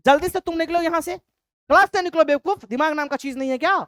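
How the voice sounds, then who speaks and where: A woman's voice: sits high, fast talker, dry recording, clean studio sound, pitched above the performer's own voice, close to an everyday voice. A woman voicing an angry, strict male ethics teacher who scolds. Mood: scolding. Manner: scolding, bossy.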